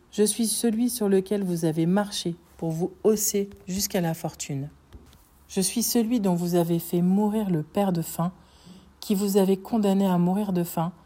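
A vengeful nobleman speaks in slow, solemn declarations, as a woman reading aloud gives him voice. The voice is low and mellow. It is a spoken storybook reading. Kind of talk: audiobook reading.

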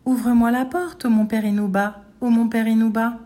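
Little girl, high sing-song chanting, devoted; a woman reader voices her. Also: fairly even intonation, normal speed, warm tone, close to an everyday voice.

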